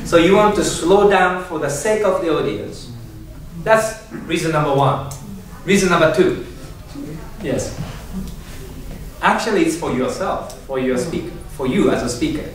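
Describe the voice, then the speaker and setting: Unhurried and pausing often, this man has a fairly high-pitched voice as he leads a speech class, frequently laughing and asking questions. The lesson is picked up by a distant mic in an echoey classroom with background noise.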